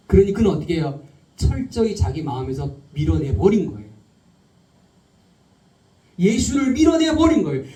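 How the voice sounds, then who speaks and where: A male pastor preaching a sermon, firing rhetorical questions at the congregation and slowing down to stress key words. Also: high-pitched, warm tone. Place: church sanctuary. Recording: roomy hall, speaker far from the mic.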